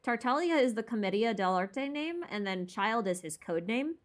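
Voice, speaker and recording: Over background music, a woman streamer with a fairly high, expressive voice talks at a moderate pace. It's casual chat about a game, with her musing informally and wandering through its lore.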